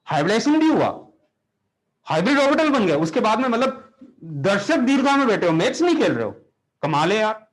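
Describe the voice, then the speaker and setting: A man teaching chemistry in a theatrical, animated lecture, mixing Hindi and English and scolding orbitals as if they were lazy students. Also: sits high, fairly quick.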